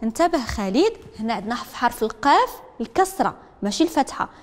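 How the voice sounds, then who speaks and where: Moroccan woman teacher, fast and brisk call-and-repeat delivery, echoey classroom. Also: on the high side, very animated. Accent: Moroccan Arabic. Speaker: literacy teacher. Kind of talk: classroom lesson. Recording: echoey classroom with long reverb.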